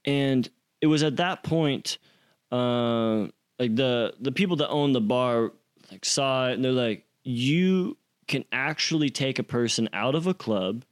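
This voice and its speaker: A man's voice: mid-range voice, measured pace, clear, resonant tone. A young man casually telling a story as an interview guest, acting out quotes with slang and swearing.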